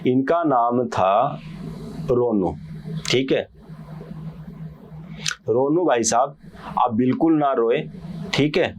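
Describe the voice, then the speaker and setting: A young man teaching commerce in a casual lecture, acting out a quarrel between business partners and their accountant, and often asking his students quick check-in questions. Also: mid-range voice, a little hiss or hum. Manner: acts out partners' quarrels with a CA in quoted voices. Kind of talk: casual Hindi lecture with playful storytelling.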